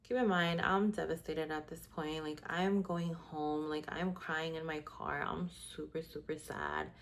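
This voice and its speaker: A woman's voice: deep voice, fairly even intonation, unhurried. A young woman in her twenties telling a personal story in casual storytime style, chatty and full of "like" fillers, dropping the odd Spanish word. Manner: chatty, frequent "like" fillers, slips into Spanish words. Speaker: vlogger.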